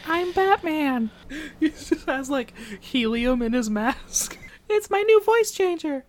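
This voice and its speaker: A man putting on a very high, squeaky Batman voice with a pitched-up voice-changer sound, as a joke in a casual podcast chat. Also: lively intonation, slow, a little hiss or hum, full character voice. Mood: goofy. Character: Batman gone squeaky from helium in his mask. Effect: sped-up, pitched-up squeaky voice-changer sound.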